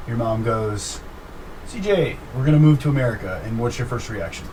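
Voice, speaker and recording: A man's voice: mid-range voice, expressive, fairly quick, a little mellow. Chatty male podcast host, filler-heavy. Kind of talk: casual interview chat. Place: studio. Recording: distant mic with faint room noise.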